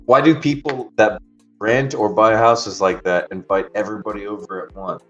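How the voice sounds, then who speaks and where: A man with a low voice chats casually on a stream, rambling through profane stories and laughing often. The audio is dull and lo-fi, with faint music playing behind him. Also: fairly even intonation, normal speed, a bit bright. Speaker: streamer, delivery driver. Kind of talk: casual chat, storytelling.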